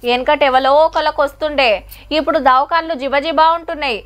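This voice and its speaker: A woman's voice: sits high, fairly even intonation, fast talker, fairly bright tone. A woman presenting satirical news commentary in a Telangana Telugu accent, wry and sarcastic.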